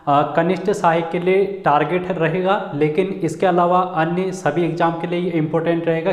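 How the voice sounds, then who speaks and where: High-voiced coaching teacher, echoey room. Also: male voice. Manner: chatty, repeats "friends" often. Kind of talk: casual classroom lecture. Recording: echoey room with long reverb.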